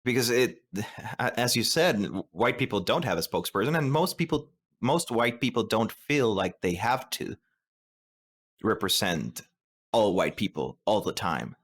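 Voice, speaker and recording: A man with a fairly low voice, co-hosting a podcast. He talks thoughtfully and hesitantly, restarting words as he works through what he wants to say. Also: animated, measured pace, a bit bright, breathy edge. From Costa Rica. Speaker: co-host. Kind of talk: podcast discussion.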